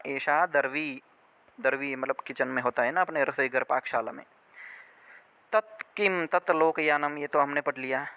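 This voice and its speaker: Slow, bright-voiced male Sanskrit teacher. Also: a little high, clear, resonant tone. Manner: slow, drawn-out model phrases with frequent check-ins. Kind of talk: spoken language lesson.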